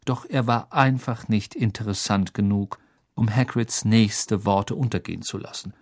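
A man reading a fantasy novel aloud as narrator, with expressive storytelling. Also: fairly low pitch, moderate pace, no room sound, studio quality. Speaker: audiobook narrator. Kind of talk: scripted narration.

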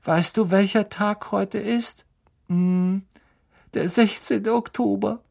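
A man reading an audiobook, voicing a weepy, dramatic schoolgirl who sobs in a high, tragic voice. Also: steady tone, takes it slowly, gravelly, a little mellow, heavily acted. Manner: sobbing, tragic and shrill.

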